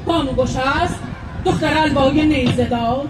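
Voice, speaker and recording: Woman as proud epic warrior, commanding teahouse-storytelling declamation with drawn-out boasts, distant and echoing on a live stage. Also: high-pitched, noisy background, lightly acted. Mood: defiant, threatening. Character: proud, challenging young warriors of Persian epic, face to face. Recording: roomy, distant live stage recording with music, crowd.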